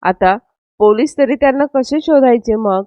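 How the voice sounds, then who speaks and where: A woman's voice: on the high side, moderate pace, warm tone, dry recording, close to an everyday voice. A woman voicing an anxious middle-aged male servant who pleads apologetically with his employer. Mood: apologetic. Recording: dry, slightly dull lo-fi.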